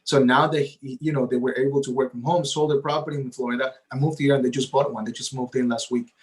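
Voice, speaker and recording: Speaking at mid pitch, this guest realtor is a man whose first language is Spanish, chatting in a relaxed interview setting. He talks fast and with fairly even intonation, eagerly running on and often dropping in a "right?" to check in. The whole thing feels easygoing and conversational.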